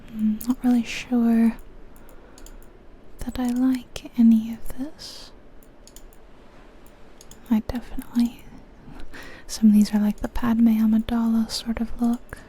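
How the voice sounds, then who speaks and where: Pausing often, a woman doing ASMR game commentary muses aloud and can't make up her mind, whispering breathily near the microphone in a mostly unvoiced way. Her delivery is flat and slow, on the high side, with a dark tone.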